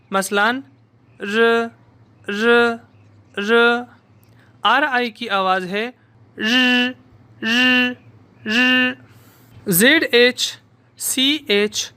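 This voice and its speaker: A woman teaching pronunciation, speaking slowly and deliberately and repeating each sound several times in drills. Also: mid-range voice, sharp tone. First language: Urdu. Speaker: language teacher. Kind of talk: pronunciation lesson with drilled repetitions.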